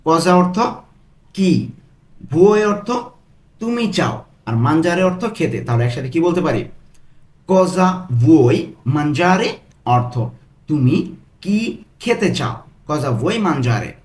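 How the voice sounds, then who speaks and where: A man teaching Italian phrases, repeating each slowly, word by word. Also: a little high, sing-song, echoey room. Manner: slow, broken-down repetition of phrases. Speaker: language tutor. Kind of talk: Italian lesson taught in Bengali.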